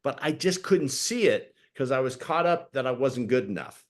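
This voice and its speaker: A man's voice: medium pitch, expressive, moderate pace. A man hosting a video call as a coach, talking to the audience in an earnest, encouraging way. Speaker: host, coach. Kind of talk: motivational talk on a video call.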